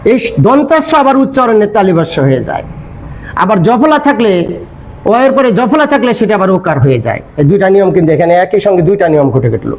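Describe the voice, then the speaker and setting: A man's voice: sits high, poor audio. A man teaching a grammar lesson, asking and answering his own questions. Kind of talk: explanatory lecture.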